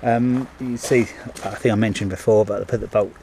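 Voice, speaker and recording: Fairly low in pitch and darkish in tone, this middle-aged handyman's voice moves a little fast with fairly even intonation. He casually talks through his finished work at a driveway gate with lots of ums and restarts. Slight background noise is picked up by the body-worn action camera.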